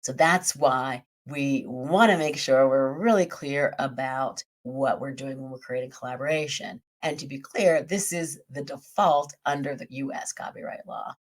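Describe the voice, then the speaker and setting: A woman with a slightly hoarse, scratchy voice, hosting a podcast and methodically explaining a topic through lists and examples. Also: very deep voice, measured pace, hardly any pauses. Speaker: podcast host.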